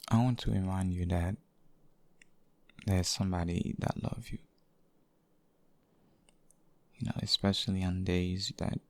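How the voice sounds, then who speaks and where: A man voicing a devoted, possessive boyfriend in an intimate, hushed ASMR role-play, speaking haltingly and tenderly. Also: deep voice, creaky, no room sound, exaggerated voice. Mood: tender, reassuring. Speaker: audio role-play performer.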